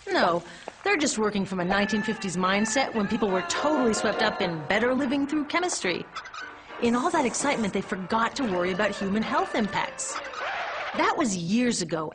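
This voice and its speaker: With noise in the background, an American woman with a mid-range voice presents a scripted explainer. She keeps it conversational and wry, leaning on rhetorical questions.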